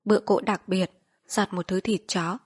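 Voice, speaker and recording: A woman narrating a novel as an audiobook, reading in a steady, even storytelling way. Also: mid-range voice, moderate pace, husky.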